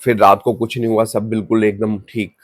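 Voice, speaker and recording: A man with a fairly low voice recounts a spooky tale casually, as if telling it across a table. His telling is loose and conversational, with small restarts. The sound is dry and close. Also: level tone, fairly quick, no room sound. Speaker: storyteller. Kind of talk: casual spoken horror story.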